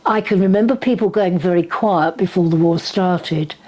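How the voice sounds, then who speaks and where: A woman's voice: fairly low pitch, moderate pace, a little mellow, low-quality recording. A very old woman in her nineties with a southern English accent, reminiscing chattily and wryly in casual conversation. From southern England. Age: 90s, very old woman. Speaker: interviewee.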